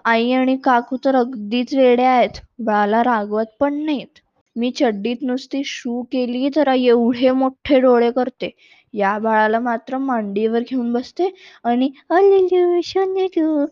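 A woman storyteller reading a children's storybook aloud in an expressive way. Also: fairly high pitch, a little slow, no room sound. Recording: dull lo-fi recording.

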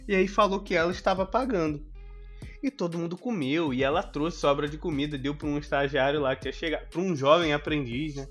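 A man's voice: a little high, a little fast, fairly bright tone, faint music behind. A Brazilian man in a casual chat, joking around and telling an anecdote in a laid-back way. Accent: Brazilian Portuguese. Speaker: podcast co-host.

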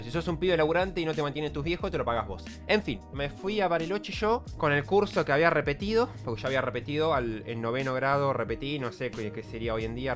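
A young Argentine man with a Rioplatense accent, telling a slangy, self-mocking story to his live chat. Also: medium pitch. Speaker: streamer.

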